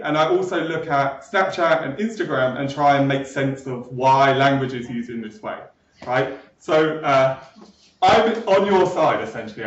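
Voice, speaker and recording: A young man from London teaching students in a classroom, chatty, tagging lines with "right?". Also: medium pitch. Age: young adult. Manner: chatty, keeps checking in with "right?". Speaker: linguistics lecturer. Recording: echoey room, far from mic, dull sound.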